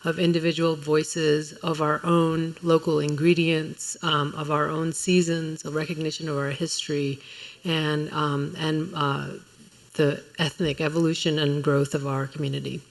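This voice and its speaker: Low-voiced woman, reflective panelist. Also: flat delivery, a little slow, rough recording. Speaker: food panelist. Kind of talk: panel talk. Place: museum event hall.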